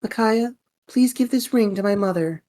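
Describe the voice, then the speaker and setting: A woman voicing a gentle, resigned young king with measured, formal, noble delivery in a video game story. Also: a little high, close to an everyday voice. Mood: sorrowful farewell. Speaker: reader of a game character's lines. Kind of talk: dramatic video game dialogue reading.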